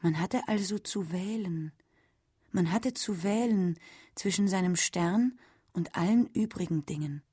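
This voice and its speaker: A woman reading a literary story aloud, softly and at times almost whispering. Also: on the low side, breathy edge, no room sound, clean studio sound. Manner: slow, soft, sometimes near a whisper. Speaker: reader.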